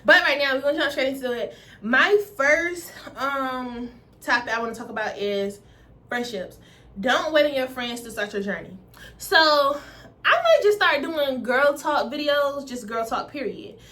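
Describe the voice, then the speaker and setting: A woman in her twenties with a stuffy nose, chatting to camera in fast, slangy talk. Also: sits high, animated, bright, forceful tone. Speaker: vlogger. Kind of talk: casual chat to camera.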